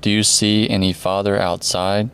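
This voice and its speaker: A man reading a gentle old senior monk. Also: lowish voice, flat delivery, moderate pace, a little hiss or hum, natural voice. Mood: tender. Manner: gentle and concerned. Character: kind elderly male senior monk, gentle.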